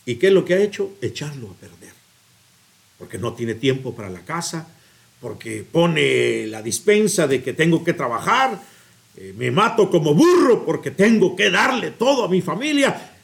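Animated, high-voiced male preacher. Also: normal speed, vocal fry. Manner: expressive, storytelling, appeals directly to listeners. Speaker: priest.

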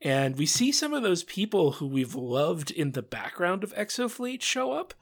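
A man's voice: sits high, very animated, moderate pace, slightly rough. A man hosting a casual podcast, recapping an episode with playful asides and frequent laughter. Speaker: podcast host.

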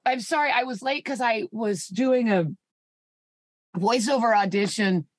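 A woman's voice: a little high, measured pace, dry recording, clean studio sound. A woman co-hosting a comedy podcast, playful and self-mocking, laughing often in casual chat. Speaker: podcast co-host, voice actor.

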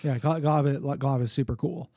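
A man's voice: medium pitch, normal speed, warm tone, no room sound, clean studio sound. A man co-hosting a casual comic book podcast, talking loosely with joking, wry asides. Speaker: podcast co-host.

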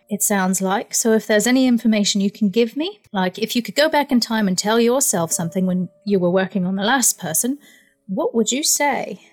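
A woman playing in a tabletop game, improvising dialogue in a chatty, hesitant, apologetic, rambling way. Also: medium pitch. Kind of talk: improvised in-character chat. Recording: music under the voice.

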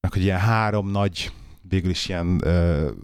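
A man's voice: low voice, steady tone, clean tone, no room sound, studio quality. A Hungarian man chatting casually as a podcast co-host, slipping into an English accent for foreign names and titles. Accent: English-tinged when saying English titles in Hungarian. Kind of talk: casual chat.

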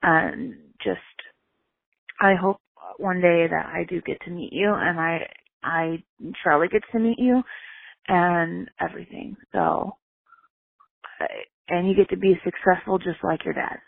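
Woman, voicemail caller over a narrow phone line, effusive and repetitive, mid-pitched, dry. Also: measured pace, vocal fry, pauses often, no room sound. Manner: gushing, repetitive praise with frequent restarts. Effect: heard over a phone line. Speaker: friend leaving a voicemail. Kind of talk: heartfelt voicemail message.

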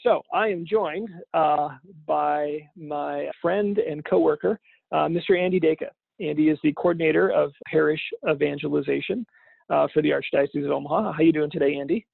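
Guy hosting a podcast from home, kinda distant from the mic, thin phone sound, really gravelly and husky. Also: fairly high pitch, fairly even intonation, moderate pace, no echo, phone-quality sound. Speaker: podcast host. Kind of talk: casual scripted podcast introduction. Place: at home, remote from the studio.

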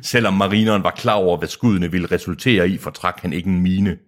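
A man co-hosting a podcast, reading a novel aloud and breaking off for joking asides. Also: deep voice. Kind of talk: reading aloud with casual chat.

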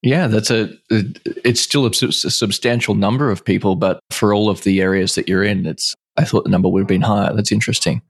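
A man hosts an interview and asks his guest questions with easy encouragement. His voice is fairly low. The sound is dry and close. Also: fairly even intonation, a little fast, hardly any pauses, no echo. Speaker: interviewer, podcast host. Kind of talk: conversational interview.

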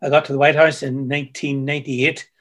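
A man, a musician guest who tells stories in a halting way, repeating words, heard over a video call. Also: a little high, flat delivery, a bit bright. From Ireland. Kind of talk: casual interview chat.

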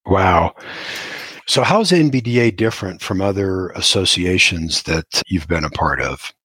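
A man hosting a casual interview, asking relaxed questions and laughing along. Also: low-pitched, measured pace, breathy edge, no echo. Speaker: interview host.

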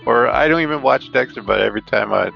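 A man's voice: mid-range voice, fast talker, vocal fry, highs cut off, faint music behind. A man in his forties chatting casually on a podcast, laughing and mocking himself. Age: 40s. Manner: laughing, self-mocking, quotes himself in put-on voices. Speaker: podcast co-host. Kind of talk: casual chat.

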